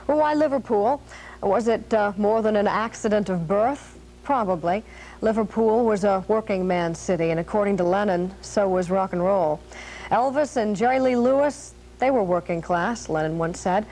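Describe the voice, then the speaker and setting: A woman's voice: medium pitch, moderate pace, vocal fry, darkish tone, slight background noise, rough recording. A woman narrating a scripted news feature as anchor, polished and storytelling.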